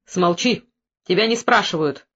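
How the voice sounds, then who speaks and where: He is a gruff, domineering merchant, acted by an audiobook reader, scolding his household in a barking way. The recording sounds slightly muffled. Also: medium pitch, very animated, quick pace.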